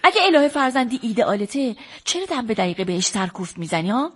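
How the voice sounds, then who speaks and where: A woman's voice: a little high, sing-song, a bit bright. An actress playing a pleading young woman. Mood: defiant. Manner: pleading and defensive. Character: young woman athlete, pleading then defiant. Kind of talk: radio drama acting.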